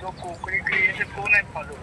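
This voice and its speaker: A man talking casually on a phone call heard through a speakerphone, halting and repeating his words. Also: sits high. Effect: phone call heard over a speakerphone. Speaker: friend on the phone. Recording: distant speakerphone with loud background noise.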